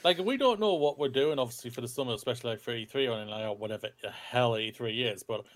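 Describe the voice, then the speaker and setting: A man co-hosting a podcast in casual chat, rambling and addressing listeners as ladies and gentlemen. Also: medium pitch, very fast. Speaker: podcast co-host.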